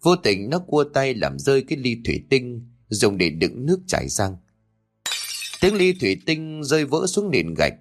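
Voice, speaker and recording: Man narrating an animated story. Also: mid-range voice, moderate pace, faint music behind. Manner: expressive, animated reading.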